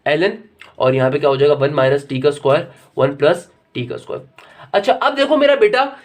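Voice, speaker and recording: A man giving a recorded maths lecture, talking to his students in a fatherly, lecturing way and slowing down to read out formulas. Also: a little high. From Pakistan. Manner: slows right down when reading out formulas. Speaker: maths teacher.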